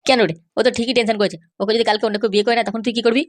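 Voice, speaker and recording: A woman's voice: a little high, fairly even intonation, rapid-fire, dry recording, clean studio sound, close to an everyday voice. A woman voicing a nosy young cartoon man who questions and advises his friend. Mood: prying. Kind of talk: cartoon voice acting.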